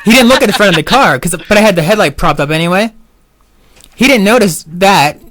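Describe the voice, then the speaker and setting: A man co-hosting a podcast, chatting casually and telling stories in an excitable, rambling way full of fillers. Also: high-pitched, fairly quick, no room sound. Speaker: podcast co-host. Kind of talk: casual chat, storytelling.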